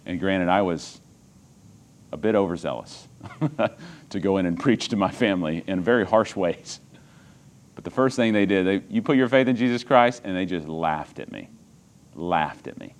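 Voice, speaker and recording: Low deep-voiced preacher guy, middle-aged, from texas, earnest sermon storytelling, goes quiet then loud. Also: normal speed. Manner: earnest, swings from hushed to loud and emphatic.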